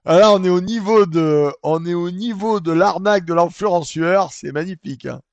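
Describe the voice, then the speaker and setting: Man, comedic reaction host, mocking, excitable, high lively voice, dry close mic. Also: normal speed, dry recording, highs cut off.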